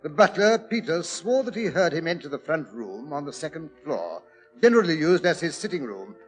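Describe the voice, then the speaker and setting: An actor playing a genial, chatty English doctor telling old detective adventures in 1940s radio drama style. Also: male voice, fairly high pitch, a little fast, soft background music, rough recording. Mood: storytelling. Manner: chatty, old-fashioned gentlemanly, expressive.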